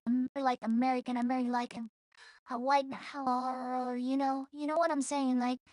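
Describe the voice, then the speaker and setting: A woman from El Salvador speaks in English, in a high, flat-sounding voice. She talks slowly and rambles through a casual vlog, blunt and profane, stopping and restarting her thoughts. The sound is dry and close. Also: no room sound. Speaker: streamer.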